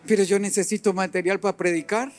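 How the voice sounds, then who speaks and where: A middle-aged man preaching a sermon, animated and rising to emphatic peaks as he acts out little scenes. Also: sits high, fast, a little hiss or hum.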